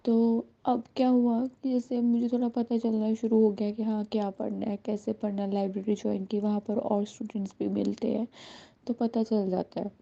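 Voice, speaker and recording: Woman, 30s, earnest personal testimony, very dark mellow tone, muffled recording. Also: mid-range voice, little pitch movement, moderate pace, creaky. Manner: earnest, mixes English words into her talk. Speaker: satsang devotee sharing a blessing. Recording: dull lo-fi recording.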